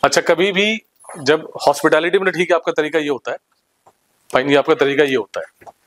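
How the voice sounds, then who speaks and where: Young guy motivational speaker at a student seminar, bit high voice, pushy and jokey with the crowd. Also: fairly quick, a little hiss or hum. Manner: energetic, teasing, bossy with the crowd. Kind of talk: live seminar talk to students. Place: institute seminar hall with live audience.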